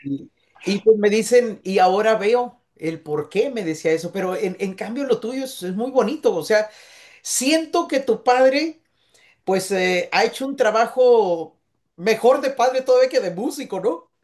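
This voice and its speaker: A man hosting an interview, speaking in a calm, reflective way with frequent fillers. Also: extremely high pitch, a little slow. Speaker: interview host. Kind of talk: casual conversational interview.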